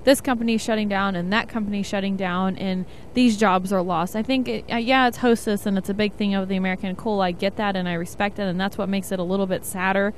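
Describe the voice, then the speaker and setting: A woman's voice: mid-range voice, steady tone, fast talker, hardly any pauses, a little hiss or hum. A woman co-hosting a radio talk show, airing strong opinions in casual chat. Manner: opinionated, laughs easily.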